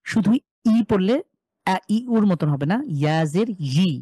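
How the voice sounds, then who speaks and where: A man teaching a live Quran recitation class, slowly drilling Arabic syllables with many repeats and explaining mouth positions step by step. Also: high-pitched, mellow, dry recording, rough recording. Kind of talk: live online tajweed class.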